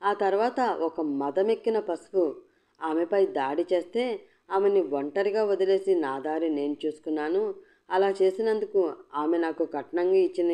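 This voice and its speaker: A woman's voice: fairly low pitch, mellow, close to an everyday voice. A woman voicing a defiant young woman who speaks firmly and mockingly. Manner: cutting, mocking, firm. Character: defiant young woman, sharp-tongued and unbowed. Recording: dull lo-fi recording.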